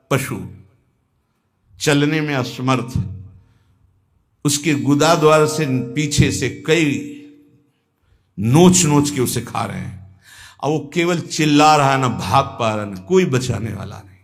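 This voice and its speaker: A man giving a devotional sermon, speaking deliberately and breaking into sung verses. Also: medium pitch. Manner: slow, chants Sanskrit verses in a sung tone. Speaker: spiritual preacher.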